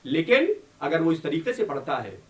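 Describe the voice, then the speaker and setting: Animated man lecturing in an echoey room. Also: fairly high pitch. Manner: expressive teaching delivery with deliberate dramatic pauses. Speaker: university journalism lecturer. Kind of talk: recorded video lecture on radio presenting. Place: room at the university. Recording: echoey room, mic at a distance.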